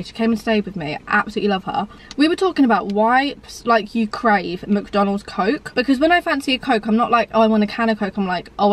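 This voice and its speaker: A woman's voice: mid-range voice, recorded from a distance. An eighteen-year-old woman chatting casually to camera as a vlogger, with lots of "like". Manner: chatty, filler-heavy, lots of "like". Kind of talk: casual mukbang chat to camera.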